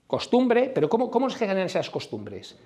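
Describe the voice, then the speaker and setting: A man's voice: sits high, wildly swooping pitch, fairly quick, mellow. A middle-aged man with a Madrid accent giving a conference talk, blunt and colloquial, firing questions at the audience. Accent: Madrid Spanish. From Spain. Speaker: conference speaker. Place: conference room before a live audience.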